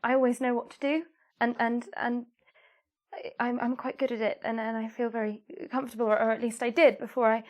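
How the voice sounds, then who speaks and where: A woman playing a shy, anxious young lady of the Regency era, stammering and halting. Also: on the high side, little pitch movement, natural voice. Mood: nervous. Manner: hesitant, stammering, halting restarts.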